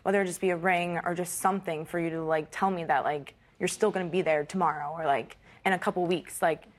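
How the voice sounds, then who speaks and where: A young woman in her twenties from Ohio, making her case in front of a court show judge, talking fast with lots of "like". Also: lowish voice, fairly even intonation. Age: 20s. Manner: fast, full of "like", frustrated. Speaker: litigant.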